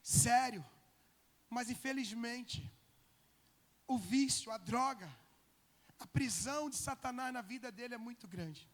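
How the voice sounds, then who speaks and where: A male pastor, telling a personal testimony in a sermon, moving between loud bursts and hushed lines. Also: extremely high pitch, measured pace, long pauses, long reverb tail. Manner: emotional storytelling, swinging from loud to hushed.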